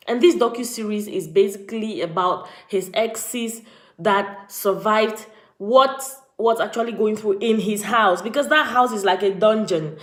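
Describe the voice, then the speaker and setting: Chatty woman from Cameroon, casual live-stream vlogger, mid pitch, roomy echo. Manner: chatty, talks straight to viewers and greets them by name.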